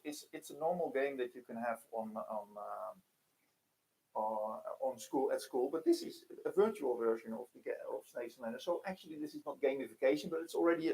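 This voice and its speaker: Hesitant man with a creaky voice. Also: medium pitch, low-quality recording. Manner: halting, searching for words, repeats himself. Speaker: technician co-presenting. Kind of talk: informal explanation at a seminar.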